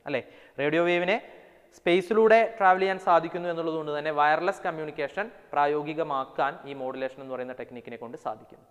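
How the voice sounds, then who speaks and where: Man teaching in a long echo. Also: a little high. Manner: explains step by step, reads English definitions out slowly; mixes English terms into his talk, checks with "alle?". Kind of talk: lecture to students.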